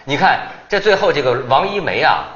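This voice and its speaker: A man hosting a studio talk show, his voice a touch higher than usual and swinging widely in pitch as he chats. He keeps chiming in to agree with his guests. The sound is roomy and slightly dull. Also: fairly quick, a loud crowd. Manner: lively, chatty, frequent agreeing interjections.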